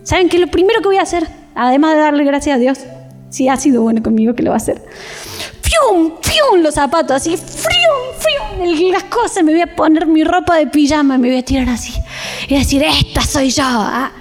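A woman with an Argentine accent preaching a sermon in church, animated and expressive, acting out everyday scenes. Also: high voice, quick pace, soft background music. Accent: Rioplatense Argentine Spanish.

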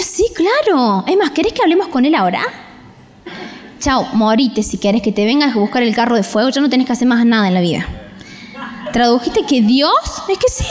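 A high-voiced woman with a Rioplatense accent preaches to a congregation, talking to them directly and acting out parents' voices. Her voice rings out with a long hall reverb, as in a large church. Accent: Rioplatense Spanish. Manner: animated, conversational, acts out parents' voices. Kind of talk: sermon.

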